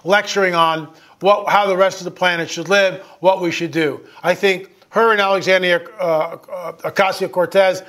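His voice high-pitched and a bit bright, a man in his sixties keeps a steady tone and normal speed with hardly any pauses. The commentary is informal and preachy in a folksy, chatty way, aimed at listeners and punctuated by emphasis and rhetorical questions.

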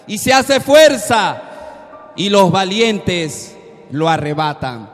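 A preacher with a very high voice delivers a sermon slowly and deliberately, earnestly exhorting his listeners and breaking into loud, emphatic peaks. He's very animated, and his voice rings through a long, reverberant hall.

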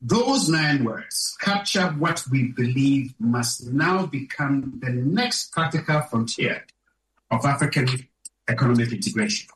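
A man's voice: mid-range voice, lively intonation, unhurried, a bit bright, a little hiss or hum. A man giving a public speech at a conference, emphatic and fond of rhetorical questions to the audience. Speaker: conference speaker. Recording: echoey room, distant from mic.

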